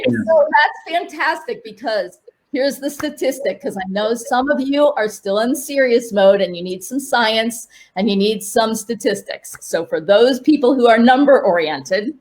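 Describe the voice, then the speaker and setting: A woman laughter coach leading an online workshop, upbeat and coaxing, with sudden high cheers. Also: darkish tone.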